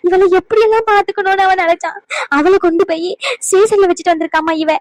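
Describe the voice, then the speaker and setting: A bitter mother-in-law wails and curses through tears, her voice very high and thin, as a woman acts her out. She laments in a rising sing-song, and the sound is dry and close. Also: fast, dry recording, lo-fi sound. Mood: complaining. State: crying. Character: wailing grieving mother-in-law, bitter and cursing.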